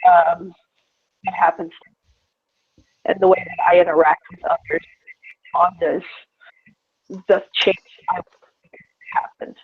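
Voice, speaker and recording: Caller on a tinny, dry phone line; choppy audio that cuts out and clips word endings; halting, unfinished sentences. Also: medium pitch, flat delivery, husky, no echo. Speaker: call-in panel participant. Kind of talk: casual group discussion. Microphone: headphones on a phone.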